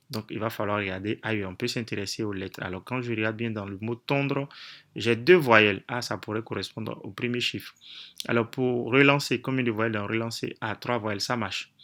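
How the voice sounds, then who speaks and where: A man's voice: on the low side, fairly bright tone. A man coaching students through logic exercises step by step, methodical, thinking aloud with frequent hesitations. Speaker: coach teaching logic tests.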